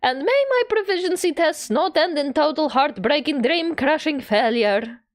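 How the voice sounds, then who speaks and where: A woman's voice: sits high, expressive, moderate pace, dry recording, clean studio sound, voice pushed up. A woman voicing a cheerful, friendly young student heroine in a visual novel. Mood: teasing. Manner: bubbly, teasing, polite. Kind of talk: visual novel character reading.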